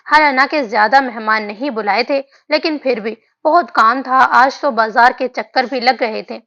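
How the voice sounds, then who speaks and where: A woman narrating a romance novel aloud in a steady storytelling manner. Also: a little high, moderate pace. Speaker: audiobook narrator. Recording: dull lo-fi audio.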